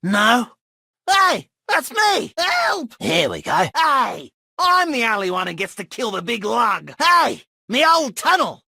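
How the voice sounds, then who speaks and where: A man's voice: very high voice, big pitch swings, slow pace, vocal fry, pushed and bright, slightly rough, no room sound, studio quality, full character voice. A man voicing a manic, dopey Australian junkyard bomber for a video game, bellowing like a cartoon. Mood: manic glee. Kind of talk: video game character voice lines.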